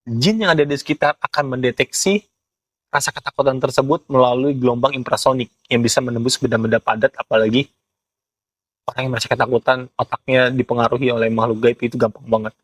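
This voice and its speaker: A young man with a Jakarta Indonesian accent explains things in casual chat, haltingly, often searching for words. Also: medium pitch, fairly even intonation, fairly bright tone, no echo. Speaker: ghost photographer being interviewed.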